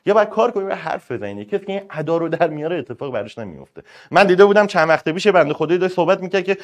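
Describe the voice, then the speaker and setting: High-voiced man giving an emphatic pep talk. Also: sing-song. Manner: emphatic, colloquial, swings between loud urging and soft asides. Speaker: exam-prep teacher. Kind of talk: motivational talk to students on a live stream.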